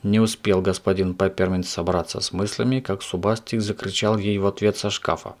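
A man reading a children's story aloud as narrator, in a lively, expressive way. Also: low voice, a little fast. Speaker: audiobook reader.

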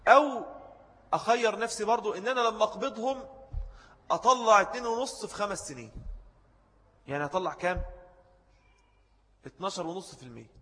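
A man with an Egyptian Arabic accent teaches a religious jurisprudence lesson at a quick clip, his voice pitched a little high. He repeats his key points and stops to answer students. The sound trails off in a long hall reverb. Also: animated, fairly bright tone.

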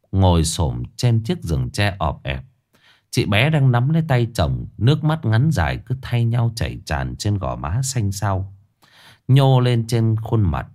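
A man narrating a ghost story in a dramatic, expressive reading. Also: on the low side.

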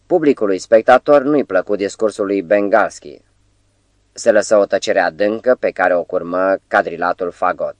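A man narrating an audiobook in a measured, dramatic storytelling manner. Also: low voice, no echo.

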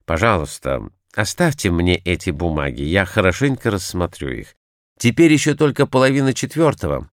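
A man's voice: low voice, big pitch swings, normal speed, no room sound, studio quality. A man voicing a cool, analytical detective who lectures in a detached, precise way, in an audiobook. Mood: coolly lecturing. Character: cool analytical male detective, middle-aged. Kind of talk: audiobook character reading.

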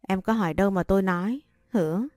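A woman's voice: mid-range voice, brisk, darkish tone, no room sound, faint music behind, close to an everyday voice. A woman reading the lines of a cool young male chairman who teases his wife dryly in an audiobook. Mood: teasing. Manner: dry, mocking.

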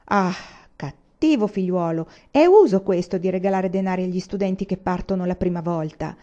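A woman voicing a kindly, pious older aunt who speaks in a gentle, naive way. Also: on the low side, normal speed, dull audio, lightly acted.

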